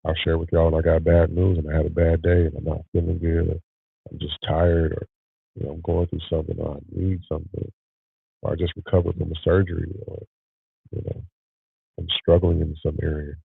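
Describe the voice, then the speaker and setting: A very deep-voiced man with a gravelly, husky edge, congested and nasal with a scratchy morning rasp. He talks candidly and rambles through stories in casual podcast chat. The sound is thin and tinny like a phone line, with a dry, close feel. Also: a little fast, dry recording. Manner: candid, rambling, animated storyteller. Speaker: podcast host and content creator.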